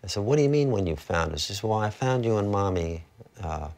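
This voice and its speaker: A man's voice: lowish voice, expressive, fast, darkish tone. A man being interviewed as a father, recounting a conversation with his son in a plainspoken way. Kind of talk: interview storytelling.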